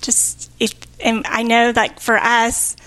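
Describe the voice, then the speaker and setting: A woman's voice: fairly high pitch, level tone, takes it slowly, fairly bright tone. Thoughtful woman in reflective chat. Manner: thoughtful, searching, frequent fillers and "kind of". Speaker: podcast co-host.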